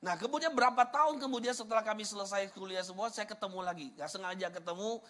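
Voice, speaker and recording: Bright-voiced preacher man from Sumatra. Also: high voice, fast talker. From Sumatra, Indonesia. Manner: asks the congregation rhetorical questions and addresses them directly; chatty and humorous, with personal stories. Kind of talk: sermon.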